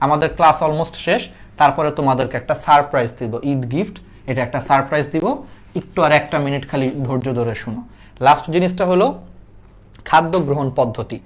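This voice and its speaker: A man's voice: a little high, a little fast. A young man teaching an online biology class in a chatty way, repeating key points and asking them back as quiz questions. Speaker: biology tutor.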